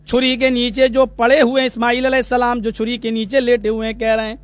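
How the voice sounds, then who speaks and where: High-pitched fiery male preacher, lo-fi. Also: monotone. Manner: dramatic, rising to impassioned cries when quoting prayers. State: unwell, asks for warm water. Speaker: Islamic preacher. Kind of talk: fiery sermon. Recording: dull, lo-fi dry sermon recording.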